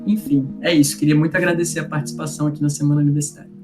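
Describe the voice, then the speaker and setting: A man with a Brasília accent, a researcher guest talking in a relaxed, chatty way with many fillers. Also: a little high, rapid-fire. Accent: Brasília Portuguese. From Brasília, Brazil. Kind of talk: casual academic interview. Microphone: remote recording. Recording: music bed under speech.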